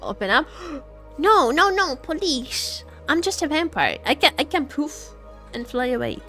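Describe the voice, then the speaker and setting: She's a game streamer with a high-pitched, pushed, bright voice that swings widely in pitch, and she speaks a little slowly. Chatting playfully over gameplay with video game music behind her, she repeats phrases and teases in the role of a vampire.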